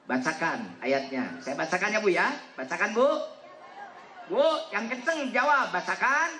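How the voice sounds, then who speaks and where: Speaking at a moderate pace, this man from West Java has a high, sing-song voice that sounds pushed and bright. As a preacher giving a funny sermon, he playfully teases his listeners and gets them to respond. There's slight noise, with a faint crowd echoing through the hall.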